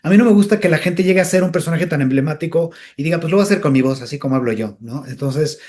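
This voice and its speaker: A man's voice: a little high, fast. A man, a comedian and voice actor, chatting as a guest in an interview and slipping into character voices as he tells stories. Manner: animated storyteller who slips into character voices. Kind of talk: casual interview chat.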